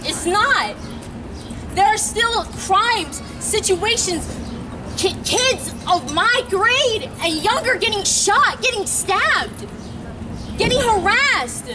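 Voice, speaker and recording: A teenage girl from New York giving an earnest, emphatic protest speech outdoors, sometimes pausing and restarting mid-sentence. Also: very high voice, expressive. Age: late teens. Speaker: student rally speaker. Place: outdoor plaza at a street rally. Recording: distant outdoor mic, crowd and traffic noise. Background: crowd cheering, traffic.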